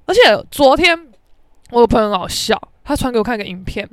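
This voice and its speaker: Podcast host: brash Taiwanese woman, high lively voice, profane, acts out her own shouts. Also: fast, no echo, studio quality. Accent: Taiwanese Mandarin. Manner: brash, profane, dramatic, shouts out reenacted quotes. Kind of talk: casual storytelling monologue.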